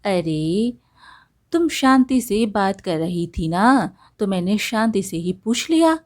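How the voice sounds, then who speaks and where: A woman's voice: mid-range voice, animated, slow pace. A woman voicing a sleazy middle-aged male village merchant who talks in a smarmy, wheedling way.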